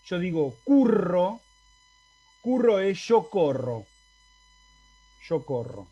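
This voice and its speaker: The recording is muffled, but the man's voice comes through a little high, warm, and breathy at the edges as he takes his time. Very animated, he teaches a university Latin class by video call in an Argentine accent, going step by step and checking in often with students.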